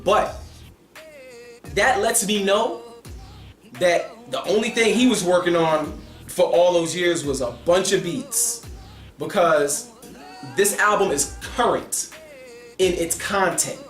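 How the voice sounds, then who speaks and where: A man giving a casual, animated album review, talking emphatically and with his hands. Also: high-pitched, slow, pauses often, echoey room, soft background music. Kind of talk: casual commentary.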